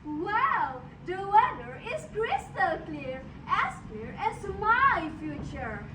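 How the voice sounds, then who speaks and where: A woman's voice: extremely high pitch, sing-song, takes it slowly. A young female student performing dramatic choral recitation with exaggerated, exclamatory stage delivery. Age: school-age young performer. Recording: echoey hall, distant mic, noisy.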